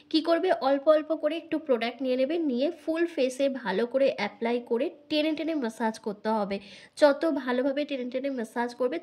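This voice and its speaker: Brisk hoarse woman giving beauty tips. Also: high voice, a little mellow. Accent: Bengali from India. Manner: brisk, instructive, addresses viewers directly. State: hoarse from illness. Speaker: beauty vlogger. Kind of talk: skincare tutorial voice-over.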